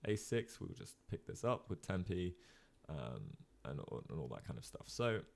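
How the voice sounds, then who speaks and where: Young man, very low voice, gravelly fry, chatty streamer commentary, lots of ums. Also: big pitch swings, measured pace, a little mellow. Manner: chatty, many ums and uhs, reads chat. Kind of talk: live-stream chess commentary.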